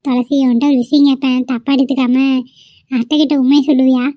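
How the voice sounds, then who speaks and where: A woman doing a teasing, high-voiced nosy aunt. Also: level tone, fast talker, no echo, lo-fi sound, natural voice. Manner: playful, prying. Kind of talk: cartoon voice acting.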